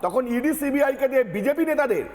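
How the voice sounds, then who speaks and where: A male party spokesman with a high voice argues in a heated televised debate. He is defiant and insistent and repeats his points over the anchor. A long reverb hangs on his voice. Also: expressive, fairly quick, darkish tone.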